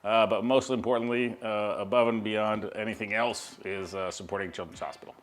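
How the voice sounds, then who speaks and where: A man's voice: fairly low pitch, fairly even intonation, brisk, faint music behind. A man hosting a casual cooking demonstration in a kitchen, talking through each step in an easygoing way with frequent filler sounds. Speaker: chef hosting a cooking demo.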